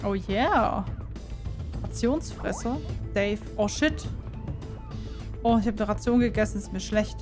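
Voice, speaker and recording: A woman doing casual gameplay commentary, excitable and quick to yelp in alarm, who also reads the game's dialogue aloud. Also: medium pitch, music in the background. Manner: excitable, frequent startled exclamations. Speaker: let's play gamer.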